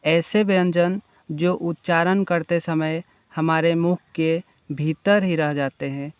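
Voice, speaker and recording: Slow, clear-voiced male grammar teacher. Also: fairly high pitch, fairly even intonation, no echo. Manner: defines each term, then restates it. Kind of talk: slow, explanatory grammar lesson.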